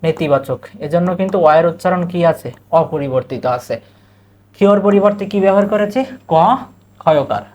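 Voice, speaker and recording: A male teacher with a Bangladeshi Bengali accent drills students on pronunciation. He asks a question, repeats the answer, and draws out model words slowly, syllable by syllable. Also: on the high side, darkish tone. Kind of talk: recorded exam-prep lesson.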